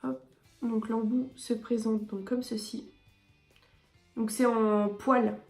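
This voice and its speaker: A woman's voice: fairly high pitch, fairly even intonation, takes it slowly, gravelly, echoey room, faint music behind. A woman beauty vlogger reviewing her favourite products in a chatty, enthusiastic way with frequent hesitations.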